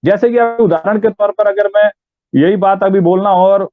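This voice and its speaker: A voice and theatre artist from Uttarakhand, India, speaks in an interview about voice training, demonstrating sounds aloud. His voice is high-pitched and moderately paced, with no room sound. The recording is dry, with a tinny, phone-like quality.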